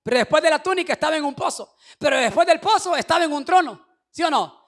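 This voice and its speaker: A male pastor preaching a sermon, with shouted, sing-song climaxes and quieter, confiding asides. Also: very high voice, lively intonation, quick pace. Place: church.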